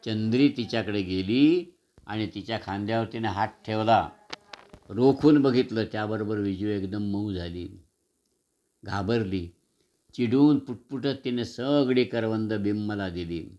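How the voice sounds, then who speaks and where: A man reading a children's story aloud in a measured, expressive way, sometimes clearing his throat. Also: on the low side, lo-fi sound.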